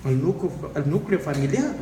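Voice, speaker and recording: A man's voice: on the high side, expressive, normal speed, recorded from a distance. A man preaching an informal Bible-study sermon, chatting with the listeners and often asking them questions. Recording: roomy echo with faint background noise.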